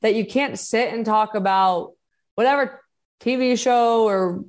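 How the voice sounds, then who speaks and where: A growth coach hosting her motivational podcast on her own speaks at a measured pace in a slightly high voice. She comes across as encouraging and earnest, emphatic but conversational.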